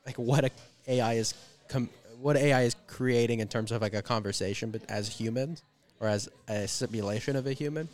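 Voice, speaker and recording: A man's voice: medium pitch, fairly quick, hardly any pauses, darkish tone. A man hosting a podcast, talking casually and rambling with many fillers and restarts. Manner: rambling, heavy use of "like" and fillers. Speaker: podcast host. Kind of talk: casual conversation.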